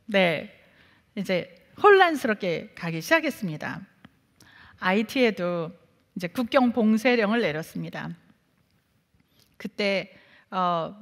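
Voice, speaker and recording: A woman missionary from Canada giving a testimony sermon, telling her story in a lively way and acting out her own prayers and replies. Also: mid-range voice, long reverb tail. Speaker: missionary preacher.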